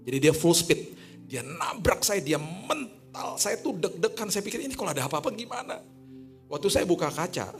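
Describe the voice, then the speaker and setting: Animated storytelling preacher, slang. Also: male voice, on the high side. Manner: storytelling preacher, swings from hushed to loud excited peaks; casual Jakarta slang mixed into preaching. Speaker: pastor. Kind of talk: sermon.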